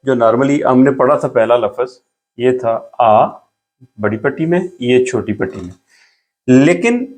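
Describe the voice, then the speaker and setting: Man teaching, patient and slow. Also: medium pitch, a little mellow. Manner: patient, repeats each sound slowly while writing. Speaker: language teacher. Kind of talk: explaining a beginner lesson step by step.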